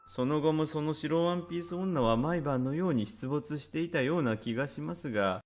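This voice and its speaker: A man reads a ghost story as if recalling it in person. His delivery is measured and suspenseful, with some words drawn out, at an ordinary male pitch. Faint music plays underneath. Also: darkish tone. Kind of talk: scripted first-person horror storytelling in a conversational tone.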